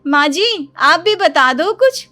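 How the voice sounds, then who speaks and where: A woman's voice: sits high, unhurried, a bit bright, faint music behind. A woman doing a whiny, self-pitying cartoon wife. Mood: complaining. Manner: whiny, dramatic complaining.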